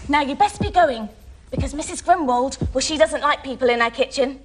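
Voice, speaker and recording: Actress as a squeaky, flustered kitchen maid on a noisy old TV tape. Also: female voice, fairly quick, lightly acted. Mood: fretful. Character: fretful young kitchen maid, kindly. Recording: noisy broadcast recording.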